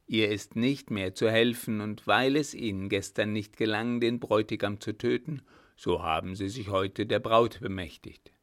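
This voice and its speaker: A man reading an audiobook, voicing a blunt, commanding old field marshal who speaks loudly and curtly. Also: lowish voice, moderate pace, few pauses, close to an everyday voice. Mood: scornful. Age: older. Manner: loud, curt, scornful.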